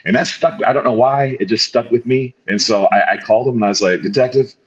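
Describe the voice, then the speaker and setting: A man's voice: mid-range voice, fast. A middle-aged man from northern Illinois, a show guest, telling his story candidly in a rambling way, repeating words and correcting himself. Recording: dull lo-fi sound.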